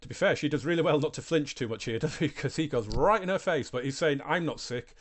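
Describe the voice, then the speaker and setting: A man's voice: fairly high pitch, expressive, fast, heavy background noise. A man hosting a reaction video, thinking aloud in casual commentary, often stumbling and repeating words.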